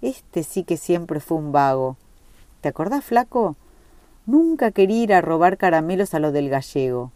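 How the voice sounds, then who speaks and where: A woman's voice: low-pitched, big pitch swings, normal speed, warm tone, dry recording. A woman reading a story aloud, voicing an exuberant, rambling young working-class man. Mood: boisterous.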